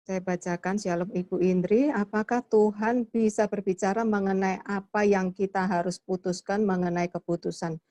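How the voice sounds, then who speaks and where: A woman's voice: medium pitch, fairly even intonation, normal speed, mellow, dry recording. A woman moderator on a video call politely reading out a listener's question to the pastor. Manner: polite, reads a written question carefully.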